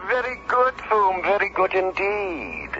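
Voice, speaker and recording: An actor playing a suave criminal mastermind professor in a radio drama, theatrical and drawn-out, with mock courtesy. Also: male voice, sits high, huge pitch swings, sharp tone, dull audio, slight background noise, heavily acted. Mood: gloating, taunting. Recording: band-limited old radio recording over music.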